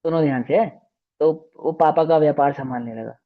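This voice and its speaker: Brief: a man teacher with a higher voice, lively and questioning, in a dull lo-fi recording. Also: moderate pace. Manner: animated, asks the class rhetorical questions. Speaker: religious teacher. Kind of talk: storytelling lesson to children.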